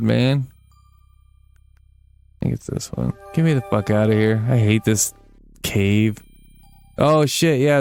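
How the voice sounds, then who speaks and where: A man's voice: mid-range voice, a little mellow, clear, resonant tone, dry recording. A man rambling casually while playing a game, swearing freely and making fun of himself. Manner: rambling, swears a lot, self-deprecating. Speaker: let's play gamer.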